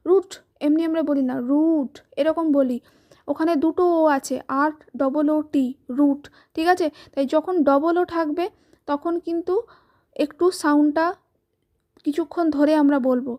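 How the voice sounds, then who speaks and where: A woman with a Bengali accent gives a children's English lesson. Her voice sits high but sounds mellow and soft-edged. She is patient and spells each word out letter by letter, recorded close to the mic. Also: steady tone, normal speed. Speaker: teacher.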